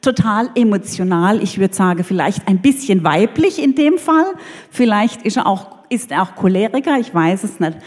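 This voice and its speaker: A woman preacher retelling a story in a lively sermon. She talks in an animated, chatty way and drops in little jokes. Her voice carries through a church hall with a long reverb. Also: mid-range voice, moderate pace. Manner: animated, conversational, jokey.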